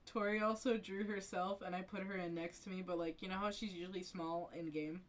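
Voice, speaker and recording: A woman's voice: lowish voice, fairly even intonation, a little fast, a little hiss or hum. A young woman streaming live, chatting casually in a bubbly, rambling way with lots of laughter and fillers. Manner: bubbly, giggly, rambling with many ums.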